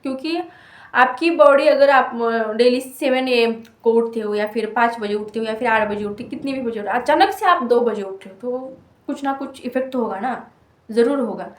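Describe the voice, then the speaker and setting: A woman's voice: on the high side, moderate pace. A young woman telling a personal story in a casual, rambling vlog, with many fillers and restarts. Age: young adult. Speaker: student vlogger. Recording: echoey room.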